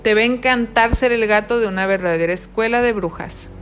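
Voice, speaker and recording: A woman voicing a calm adult witch who teaches and gives firm but kind orders. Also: on the high side, brisk, faint music behind, natural voice. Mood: gentle command. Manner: hushing, kindly, firm.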